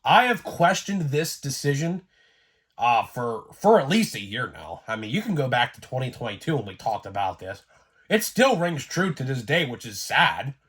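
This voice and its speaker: A man with a cold hosts a laid-back sports card vlog, coughing here and there between his thoughts. His delivery is rambling and excitable, padded with fillers, and his pitch swings widely from high to low. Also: moderate pace, breathy edge. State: getting over a cold, coughing. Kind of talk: casual vlog commentary.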